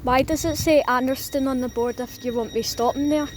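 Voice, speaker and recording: High-voiced female trainspotter, noisy platform. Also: steady tone, a little fast. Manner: informal, addresses viewers as guys. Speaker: trainspotting vlogger. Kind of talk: casual running commentary on passing trains. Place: outdoors on a railway station platform. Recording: noisy outdoor recording.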